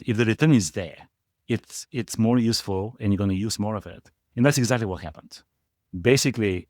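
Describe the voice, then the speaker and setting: Man, Bulgarian accent, middle-aged, emphatic, repeats words, lowish voice. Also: no echo, studio quality. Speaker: portfolio manager guest. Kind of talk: conversational interview.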